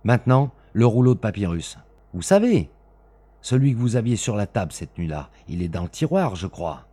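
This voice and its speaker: A man's voice: on the low side, big pitch swings, moderate pace, mellow, pitched above the performer's own voice. A man voicing a stern, implacable man who gives curt, menacing orders in a storybook reading.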